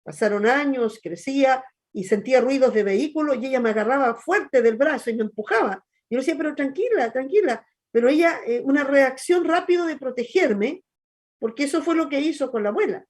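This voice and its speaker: A woman's voice: high voice, brisk, a little mellow. A middle-aged woman pastor with a Chilean accent, chatting and telling stories in a hesitant, conversational way. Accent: Chilean Spanish. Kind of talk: church talk show, teaching chat.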